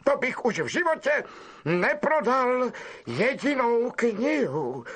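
A man voicing a vain, evasive middle-aged male wizard professor in an affected, drawn-out, self-pleased way. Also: very high voice, sing-song, fairly bright tone, husky, pitched above the performer's own voice, heavily acted. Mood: smug.

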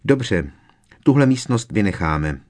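A decisive teenage schoolgirl witch speaks in short, firm, bossy lines, as a man reading the story puts her on. The voice sits a little low, so she sounds steady and commanding. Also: close to an everyday voice. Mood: curt. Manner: brisk, firm delivery.

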